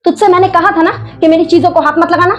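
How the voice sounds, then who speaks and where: A woman playing a harsh, bossy middle-aged mother-in-law who scolds and shouts at her daughter-in-law. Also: very high-pitched, steady tone, quick pace, soft background music. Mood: angry scolding. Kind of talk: family skit acting.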